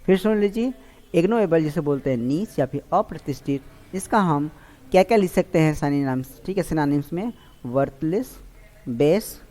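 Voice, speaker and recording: A male teacher with a warm, mellow, fairly high voice leads an online vocabulary lesson for exam prep, speaking at a moderate pace with lively intonation. He keeps throwing questions at his students, then answers them himself and repeats each answer. A long reverb trails his voice, as though he were recorded in a large hall.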